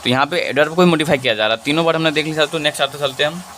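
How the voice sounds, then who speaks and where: A man's voice: on the high side, rapid-fire, fairly bright tone, a little hiss or hum. A man teaching English grammar in a lesson, explaining in Hindi and reading English examples in an Indian accent, often asking and answering his own questions. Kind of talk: classroom-style lesson.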